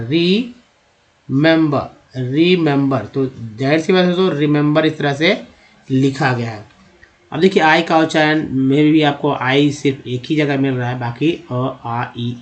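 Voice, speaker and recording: A man teaching English pronunciation in Hindi, spelling words out letter by letter and asking his viewers questions, which he then answers himself. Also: on the high side. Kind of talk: spoken lesson, explaining pronunciation.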